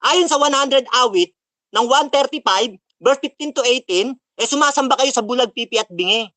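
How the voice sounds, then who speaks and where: In a dry recording, a preacher's extremely high, bright and forceful voice runs at normal speed. He rants heatedly after a religious debate, taunting his opponent, laughing at him, and citing scripture between jabs.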